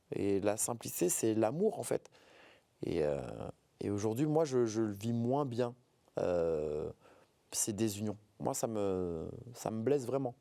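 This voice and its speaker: Warm-voiced hesitant man in his forties. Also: mid-range voice, vocal fry, dry recording. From France, Paris suburbs. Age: 40s. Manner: hesitant, repeats words, heartfelt. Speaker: interview guest, comedian. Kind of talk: earnest interview talk.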